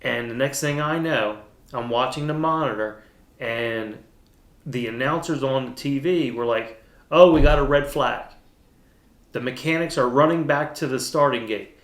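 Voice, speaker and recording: Middle-aged dad recounting events for an interview, earnest, stop-start delivery, recorded with roomy echo. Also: male voice, medium pitch, fairly bright tone. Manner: earnest, halting with restarts and repeated words. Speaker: racer's father and mechanic. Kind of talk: interview storytelling.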